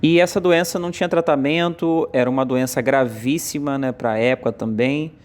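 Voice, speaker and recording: A Brazilian man with a mid-range, slightly mellow voice works as a sign language voice interpreter. He voices a deaf speaker's talk aloud in the first person, using short, halting phrases full of fillers.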